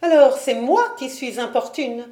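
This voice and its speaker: A woman voicing a stylish, sharp-tongued stepmother who scolds in a storybook reading. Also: sits high, measured pace, reverberant, voice pushed up. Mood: reproachful. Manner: reproachful and haughty.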